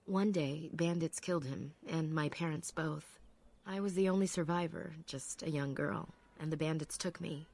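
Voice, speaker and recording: A solemn husky elf apprentice. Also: female voice, low-pitched, darkish tone, heavily acted. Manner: measured, solemn, reflective. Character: calm proud female Dalish elf apprentice.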